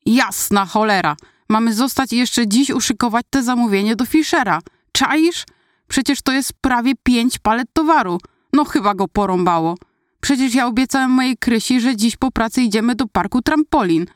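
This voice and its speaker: A woman voicing a cheerful, wisecracking male coworker in an audiobook story, excitable as he talks. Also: medium pitch, moderate pace, no echo, studio quality, natural voice. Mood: lively joking.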